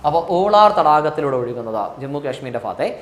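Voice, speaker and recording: In an echoey room, a man with a Malayali accent teaches an exam prep class, going over the important answers slowly and more than once for practice. He speaks with a fairly high, expressive voice.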